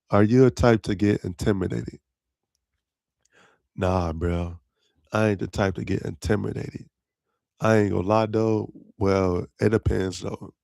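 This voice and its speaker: A man's voice: on the low side, vocal fry, a little mellow, dry recording, studio quality. A young man hosting his own podcast alone, rambling in casual slang and often laughing at his own jokes. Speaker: podcast host. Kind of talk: casual solo podcast chat.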